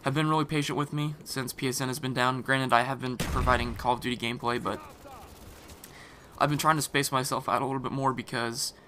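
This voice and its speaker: A gaming commentator's voice-over plays on top of loud in-game gunfire and explosions. He sounds mid-range, flat and fairly quick, his throat scratchy and irritated as he rambles casually with lots of fillers and restarts.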